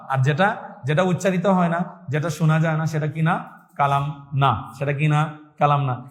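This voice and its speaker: A male Islamic teacher delivers a religious lesson in a somewhat high voice, posing questions and answering them himself. He repeats key points and chants Arabic verses. A long reverb trails behind his voice. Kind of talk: religious lesson in call-and-response.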